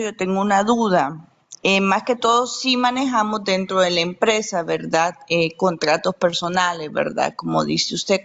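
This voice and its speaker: A woman's voice: fairly low pitch, creaky. A woman from Honduras, asking a question on a video call and politely tagging her sentences with questions. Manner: polite, keeps adding ¿verdad?.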